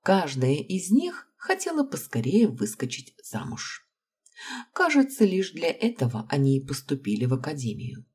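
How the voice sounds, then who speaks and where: A woman's voice: low-pitched, wildly swooping pitch, normal speed, a little mellow, slightly rough. A woman reading a fantasy novel aloud as an audiobook in the first person, telling the story expressively. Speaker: audiobook narrator. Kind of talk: scripted audiobook narration.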